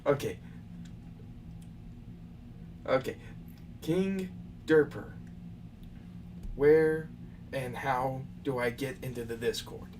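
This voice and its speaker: A young male host answers viewer questions in a casual live session, his medium-pitched, darkish voice slow and marked by long pauses. He speaks loosely and lectures with some exasperation. He sounds far from the mic, over faint background noise.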